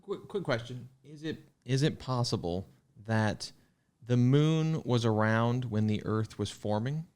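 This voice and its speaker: A man co-hosting a podcast in casual chat, curious and full of quick questions. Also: mid-range voice, animated, a little mellow, clean tone. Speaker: podcast co-host.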